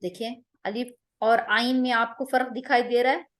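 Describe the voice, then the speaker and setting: A woman's voice: fairly high pitch, steady tone, normal speed, fairly bright tone. A woman teaching a Quran recitation class online, patiently drilling sounds with repeated vowel examples.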